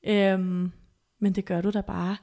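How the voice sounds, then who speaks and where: A woman recounting a painful story as a podcast guest, her voice soft and halting. There is a gravelly fry in her delivery. Her pitch stays narrow and level. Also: little pitch movement. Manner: soft, halting, emotional retelling. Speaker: interview guest. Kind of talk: personal storytelling.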